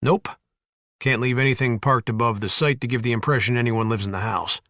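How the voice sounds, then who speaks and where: A man's voice: mid-range voice, fairly even intonation, fairly quick, a bit bright, no room sound, lightly acted. A man voicing a tough ex-soldier in an audiobook, blunt and teasing in a dry way. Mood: wry teasing. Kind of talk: audiobook character voice.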